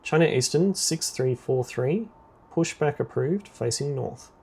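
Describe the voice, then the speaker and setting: A man playing air traffic controller in a simulator game, giving clipped, procedural radio commands in a creaky voice. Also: mid-range voice, animated, measured pace, dark tone.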